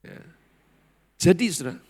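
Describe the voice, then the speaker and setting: A man's voice: normal speed, darkish tone. A man preaching a sermon, telling a story dramatically and acting out the people in it while calling on the congregation. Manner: dramatic, voices quoted characters, addresses congregation as saudara. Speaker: pastor. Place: large church hall. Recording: long reverb of a church hall.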